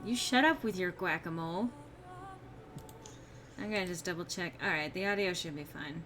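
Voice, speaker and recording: A woman with a lowish voice hosts a casual gameplay stream, rambling and poking fun at herself at a moderate pace. She sounds a little under the weather and subdued, and the background is noisy.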